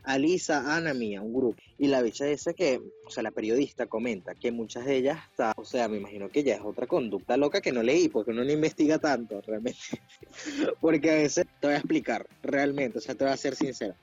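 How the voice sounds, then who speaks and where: A man with a Venezuelan accent, chatting casually on a podcast, slangy and animated, laughing often. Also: medium pitch, brisk, breathy edge. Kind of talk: casual chat. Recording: dull lo-fi sound with faint music.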